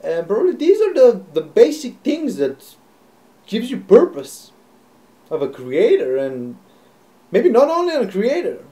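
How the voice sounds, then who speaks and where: Young man from Bulgaria, webcam vlog, mellow voice with a lively swinging pitch, talks close to the camera. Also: a little slow, long pauses. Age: young adult. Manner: animated, gestures a lot, repeats phrases for emphasis. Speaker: video creator. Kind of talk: reflective webcam monologue. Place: small bright room indoors. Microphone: webcam at close range, filmed from below.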